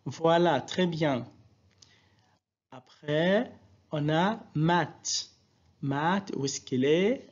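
Male French teacher, husky, slightly high voice, patient and unhurried; dull lo-fi recording. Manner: slow, patient teacher, drawing out and repeating example words. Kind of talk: classroom lesson explained in French and Arabic.

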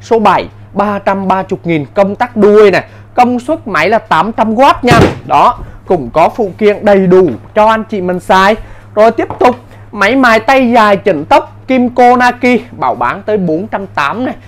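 A man giving an insistent hard-sell live sales pitch as a seller, in short, repetitive bursts. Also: animated, normal speed. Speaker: live-sale seller of power tools.

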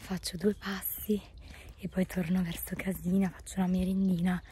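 A woman chats casually to a vlog camera, hoarse and losing her voice, at times breaking into a whisper. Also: lowish voice, little pitch movement, normal speed, mellow, slight background noise. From northern Italy. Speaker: daily vlogger. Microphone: phone at arm's length.

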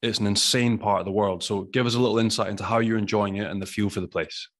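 Low-voiced scottish host, jokey blunt banter on a headset call. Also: male voice, steady tone, quick pace. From Scotland. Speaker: podcast host. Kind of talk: casual podcast chat.

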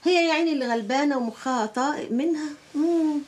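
A woman's voice: sits high, fast talker, darkish tone, close to an everyday voice. An actress playing a kindly but prying older neighbour woman with an Egyptian accent who talks sweetly and coaxingly. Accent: Egyptian Arabic. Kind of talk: TV drama acting. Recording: distant voice with music beneath.

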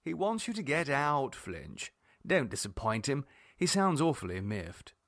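A man's voice: mid-range voice, wildly swooping pitch, measured pace, fairly bright tone, no echo, clean studio sound, voice pushed up, full character voice. A man reading aloud, voicing a languid upper-class male vampire whose voice comes muffled through a closed coffin lid. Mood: amused. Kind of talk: audiobook reading.

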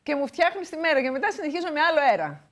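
Chatty woman tv host, teasing and playful, kinda high voice. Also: big pitch swings. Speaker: TV show host. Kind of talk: TV interview chat.

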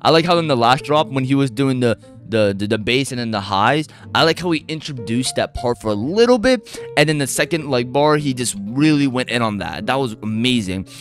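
A man's voice: mid-range voice, a little fast, faint music behind. A man hosting a beatbox reaction video, talking casually and rambling with fillers. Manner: excitable, gushing exclamations, rambling with fillers.

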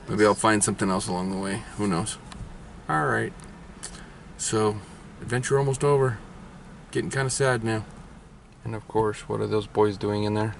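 Dad vlogger, 40s, gravelly, joking road-trip chatter over road noise. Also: male voice, lowish voice. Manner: joking, chatty, narrating to camera. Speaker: family vlogger, father. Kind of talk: casual road-trip vlog. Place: inside a moving car. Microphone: camera held at arm's length.

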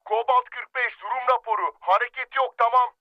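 A high-pitched male soldier reports in over a walkie-talkie, keeping to short, clipped radio calls. The sound is muffled and lo-fi, completely dry. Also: steady tone, fairly quick, no echo. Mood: reporting. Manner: clipped radio call procedure. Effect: over a two-way radio. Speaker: field unit radio operator.

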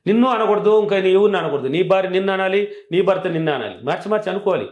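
A man coaching couples, talking fast and emphatically and driving his points home with repetition. His voice sits slightly high. A roomy echo hangs around his words. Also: lively intonation, narrow, tinny audio. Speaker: relationship coach. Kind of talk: advice talk.

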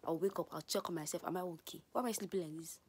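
A woman's voice: on the low side, racing, a little hiss or hum. A young woman chatting casually to her vlog audience, self-deprecating, with whispered asides. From Nigeria. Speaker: vlogger.

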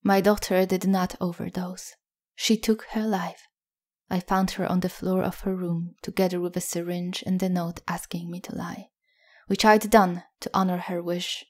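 A shaken, grieving mother in an audio story, speaking quietly while her voice cracks and her words stumble, read by a woman narrator. The voice sits low and stays level in pitch, with a husky, breathy edge. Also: flat delivery, moderate pace, close to an everyday voice.

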